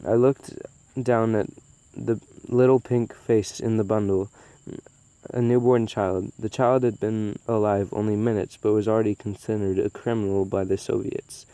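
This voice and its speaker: A man reading a novel aloud with a low, mellow voice. He reads steadily, with small slips and restarts, and the sound is dry and close. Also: fairly even intonation, moderate pace, clear, resonant tone, dry recording. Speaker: audiobook reader.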